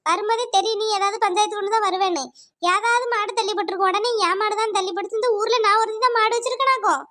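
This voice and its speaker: A woman voicing a weary, sharp-tongued middle-aged village wife who keeps cows, speaking. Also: very high voice, fairly even intonation, rapid-fire, no room sound, clean studio sound. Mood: scornful. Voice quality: grumbling, scolding. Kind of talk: cartoon voice acting.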